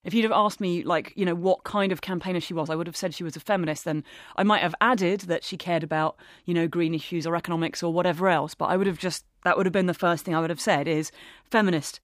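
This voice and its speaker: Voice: mid-range voice, steady tone, quick pace, hardly any pauses, dry recording, clean studio sound. A friend being interviewed, chatting in a rambling, casual way.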